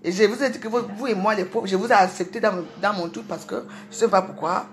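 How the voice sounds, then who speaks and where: A middle-aged woman talking on her livestream, repeating fillers and stammering, then hurling insults in a heated rant. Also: mid-range voice. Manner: shouting insults, rapid and heated. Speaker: social media livestreamer.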